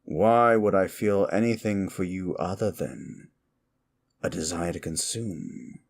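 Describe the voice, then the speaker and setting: In an intimate ASMR roleplay, a male actor voices an ancient, wicked demon who speaks straight to the listener. His very low voice is full of gravelly fry, and he delivers each phrase slowly and deliberately with dramatic pauses, heavily acted, theatrical and brooding. The tone is cold and contemptuous, with a trace of inner conflict underneath.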